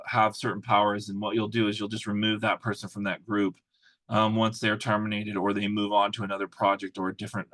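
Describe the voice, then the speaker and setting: Low-voiced man giving corporate compliance training. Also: fairly bright tone, no room sound. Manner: explanatory, instructing in the second person with practical examples. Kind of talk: informal corporate training video explanation.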